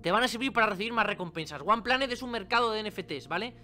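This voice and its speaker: Chatty bright-voiced man explaining. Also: high voice, lively intonation, quick pace, soft background music. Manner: chatty, informal, many asides and tag questions. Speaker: crypto channel host. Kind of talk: screen-recorded tutorial.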